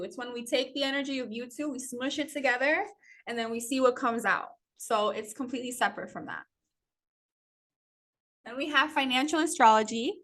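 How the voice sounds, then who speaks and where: Speaking in a high, fairly bright voice, a woman leads a loose, casual astrology class. She chats freely, laughing often and leaning on "like" and "um."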